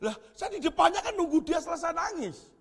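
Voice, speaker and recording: A male pastor with a strikingly high voice delivers a sermon, swinging his pitch up and down. He tells stories with lively energy and laughs at his own jokes. His voice rings through a church hall with a long reverb. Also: fairly quick.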